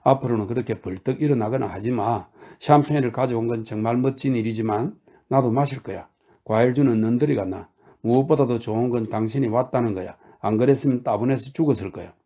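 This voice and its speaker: A man reading a novel aloud, voicing a fiery, jealous young woman who scolds and coaxes in a raised, gravelly voice. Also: mid-range voice, fast, dark tone, natural voice. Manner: scolding, coaxing, insistent. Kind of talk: audiobook character reading.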